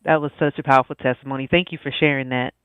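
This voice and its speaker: A man hosts the interview in an affirming, encouraging way, with a smooth voice pitched slightly high. The sound is dry and tinny, like a phone line. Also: fairly even intonation, rapid-fire, dry recording. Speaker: podcast host. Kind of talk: conversational interview.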